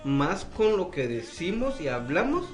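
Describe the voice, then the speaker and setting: A man's voice: fairly high pitch, sing-song, unhurried. Preacherly man, faint music. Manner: agreeable, preacherly, checks for agreement.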